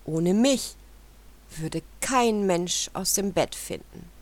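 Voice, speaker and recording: A woman's voice: fairly low pitch, animated, slow, pitched above the performer's own voice. A woman voicing a pompous, sentimental male rooster who boasts grandly. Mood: grandiose. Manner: grandiose, self-important.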